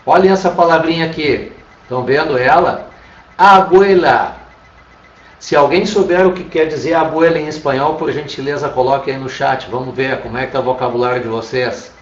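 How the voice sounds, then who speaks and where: A man's voice: mid-range voice, fairly even intonation, fairly quick. A man with a Brazilian Portuguese accent teaching an online Spanish class, patiently repeating "tá?" to check that students follow. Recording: roomy, distant, dull lo-fi sound.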